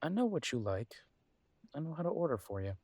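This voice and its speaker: A man voices a gruff yet affectionate werewolf detective, a grumbling city dweller, in an intimate audio roleplay. His husky, somewhat high, darkish voice is very animated and a little fast, wry and fondly teasing, recorded without echo.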